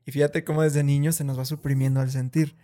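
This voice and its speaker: A man with a mellow, slightly high voice, talking slowly and thoughtfully in a relaxed conversation. He pauses often on fillers and suddenly lifts his voice to mimic a strict parent. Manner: acts out scolding parents in raised voice; slow and deliberate, many fillers. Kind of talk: reflective casual conversation.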